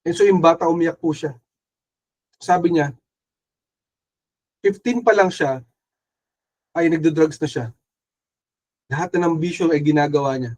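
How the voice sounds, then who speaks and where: A man's voice: a little high, measured pace, long pauses, darkish tone, rough recording. A man with a Filipino accent, preaching an earnest, urging sermon that mixes English and Filipino. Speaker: pastor.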